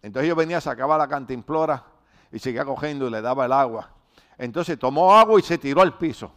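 A middle-aged man from Rico, preaching a conversational sermon in a lively, rambling storytelling way with rhetorical questions. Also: medium pitch, fast talker. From Puerto Rico. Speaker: pastor.

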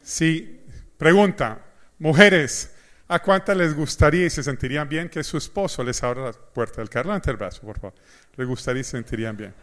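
A man's voice: on the high side, brisk. A middle-aged man preaching a sermon as pastor, telling stories and acting out both sides of a conversation. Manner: animated storyteller, acts out dialogue. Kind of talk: sermon with humor.

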